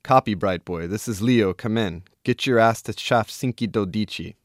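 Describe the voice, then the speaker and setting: A man voicing a gruff, urgent male soldier with an Italian accent, calling over a field radio. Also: lowish voice, moderate pace, no echo, studio quality, close to an everyday voice.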